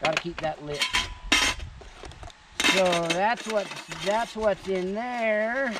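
A man in his thirties casually demonstrating camping gear outdoors, chatting to viewers in a relaxed way. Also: high-pitched, slow pace, heavy background noise. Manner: relaxed, chatty, addresses viewers as "you guys". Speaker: vlogger showing camping gear. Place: forest clearing outdoors. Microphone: camera on a tripod and handheld selfie camera.

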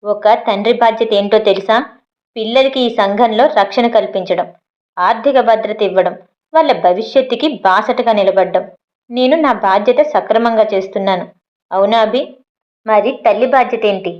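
A woman's voice: medium pitch, moderate pace, lightly acted. A stern, controlling middle-aged father, read by a woman in a spoken storybook, lecturing his children about duty in a hard, preachy tone. The lo-fi recording sounds dull.

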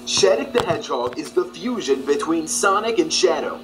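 A man reading a scripted video narration in a brisk, matter-of-fact, informative way. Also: on the high side, lively intonation, low-quality recording. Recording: background music.

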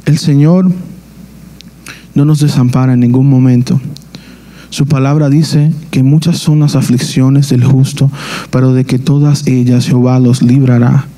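A man, preaching a sermon in a church, earnest and halting, often restarting his phrases. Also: medium pitch, flat delivery, dark tone. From Dominican Republic. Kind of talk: sermon with personal testimony.

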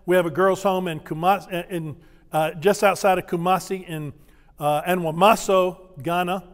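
A man's voice: sits high, fairly even intonation, normal speed, in a large hall. An older man giving a folksy, humorous sermon as a visiting missionary speaker, telling stories and getting the congregation to repeat greetings after him. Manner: folksy, humorous, leads the congregation in call-and-response. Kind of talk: sermon with storytelling. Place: church sanctuary.

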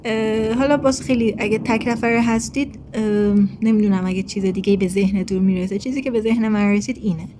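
Against a noisy background, an Iranian woman teaching English online speaks on the high side with fairly even intonation and few pauses. She explains patiently, uses many fillers, drops English phrases into her speech, and clears her throat as her voice grows hoarse.

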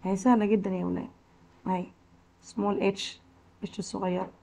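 A woman with an Egyptian accent teaching English to young children, slowly modelling words and letter sounds. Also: mid-range voice, fairly even intonation, creaky, a little mellow. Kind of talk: classroom lesson explanation.

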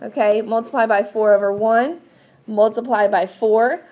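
Patient woman teacher, higher-pitched voice. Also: steady tone, moderate pace, a little mellow, slight background noise. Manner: patient, instructive, checks understanding with questions. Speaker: math teacher. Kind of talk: classroom lesson, explaining step by step.

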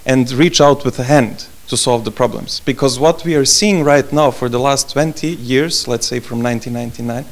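Gravelly young man from Serbia. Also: mid-range voice, moderate pace, few pauses. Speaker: project assistant asking a question. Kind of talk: audience question.

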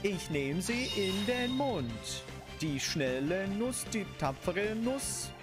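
A man's voice: high voice, big pitch swings, slow pace, music in the background. A man streaming a game with playful, joking commentary.

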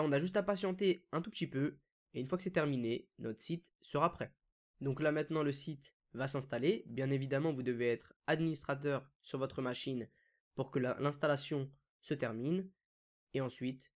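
A man hosting a screen-recorded software tutorial, explaining each step casually with frequent fillers. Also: mid-range voice. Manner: casual, step-by-step, many "donc" and "euh" fillers. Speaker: WordPress consultant and YouTube tutorial host.

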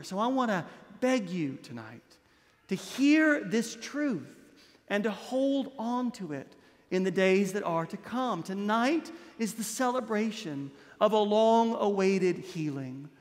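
High-voiced man preaching in a reverberant church. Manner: impassioned preaching, drops low and soft on key words; gestures broadly while standing at a lectern. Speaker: priest. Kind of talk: Christmas Eve homily. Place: large stone church, indoors.

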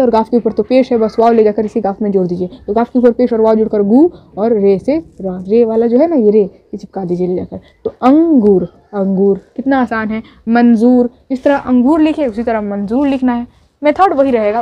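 A woman teacher explaining a writing lesson slowly and patiently, repeating each step and checking in with her students. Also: on the high side, no echo. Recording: dull lo-fi audio.

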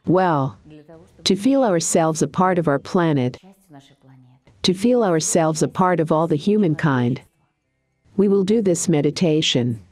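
A low-voiced woman narrates a guided meditation, calm and deliberate. She offers soothing instructions in short, paused phrases while soft music plays faintly underneath.

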